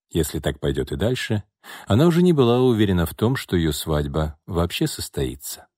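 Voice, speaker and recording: Low, lively male audiobook narrator. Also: no room sound, studio quality. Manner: expressive reading. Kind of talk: scripted narration.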